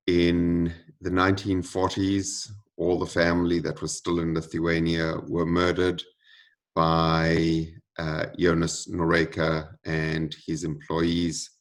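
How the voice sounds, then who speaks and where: A man giving interview answers in a measured, solemn way. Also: deep voice. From United States. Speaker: interview guest.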